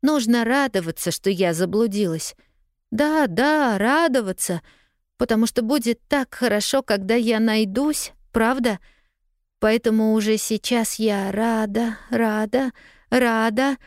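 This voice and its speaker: Woman doing a high, tearful lost little girl. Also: a little slow, no echo, studio quality. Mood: forcing cheer. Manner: pleading, breathless, eager. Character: lost young girl, tearful yet stubbornly cheerful.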